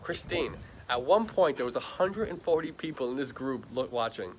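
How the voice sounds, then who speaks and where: A man's voice: lively intonation, normal speed, rough recording. A man hosting a casual charity livestream at an outdoor animal shelter, reading out viewer comments. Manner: talks to the dogs in a high, soothing baby voice; reads out and answers viewer comments. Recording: outdoor wind and barking noise.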